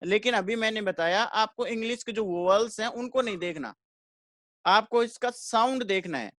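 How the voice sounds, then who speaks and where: A man teaches English grammar in an online class, keeping the pace even and repeating each rule. He asks the students a question and then answers it himself. The recording is dry and close. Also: sits high, normal speed, no echo.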